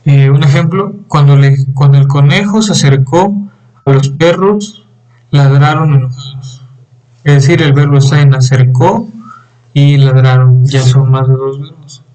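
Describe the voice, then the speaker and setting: A young man giving a class presentation on grammar, reading with halting pauses, fillers and throat clearing. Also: medium pitch, fairly even intonation, warm tone, rough recording. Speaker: student presenter.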